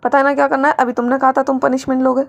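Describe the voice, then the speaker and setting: A woman's voice: high-pitched, level tone, very fast, creaky. A woman voicing a playful, teasing male commando who bosses the kids and soothes his husband. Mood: bossy.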